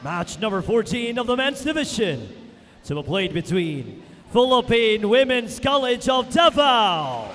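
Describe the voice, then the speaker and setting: Filipino guy on the arena PA, high voice, slow drawn-out calls, big echoey hall. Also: sing-song, fairly bright tone. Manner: drawn-out booming announcements. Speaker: arena game announcer. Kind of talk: arena public address announcing. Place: indoor sports arena. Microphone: PA microphone. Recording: echoey arena with long reverb.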